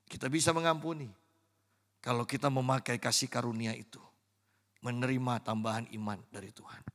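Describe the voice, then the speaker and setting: A man preaching a sermon as pastor, dropping to hushed, slow stresses and rising to loud, high exclamations. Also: fairly even intonation. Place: church sanctuary. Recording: reverberant church hall.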